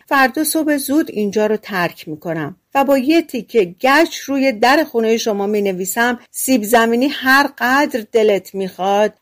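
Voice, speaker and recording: A woman voicing a tiny, bold and mischievous boy tailor in a fairy tale, cheeky and pitched higher. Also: natural voice.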